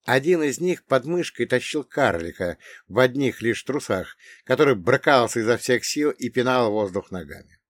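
A man's voice: mid-range voice, animated, moderate pace, no echo, studio quality. A man narrating a first-person story with wry, ironic asides. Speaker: audiobook narrator.

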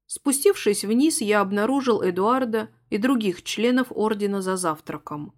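A woman narrating a story aloud, reading a first-person novel in a calm, even storytelling voice. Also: medium pitch, moderate pace.

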